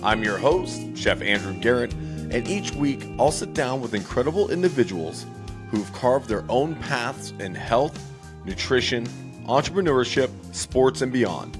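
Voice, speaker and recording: A man's voice: mid-range voice, expressive, a little slow, music in the background. A man hosting a podcast, opening with an upbeat scripted intro and then chatting casually with his guest. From US West Coast. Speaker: podcast host. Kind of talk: podcast interview.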